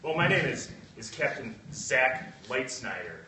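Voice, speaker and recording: A man's voice: mid-range voice, very animated, measured pace, sharp tone, recorded from a distance, slight background noise. A man playing an earnest time-travelling captain from the future, hesitant and full of fillers. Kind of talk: improv comedy game. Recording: roomy echo, from off-mic.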